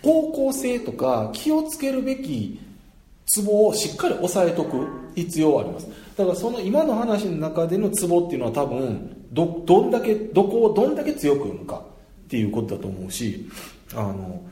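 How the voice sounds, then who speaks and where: A man with a Kansai accent, an English teacher explaining pronunciation in an emphatic, animated, laughing way. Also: a little high. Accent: Kansai Japanese. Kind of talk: casual explanatory talk. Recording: roomy echo.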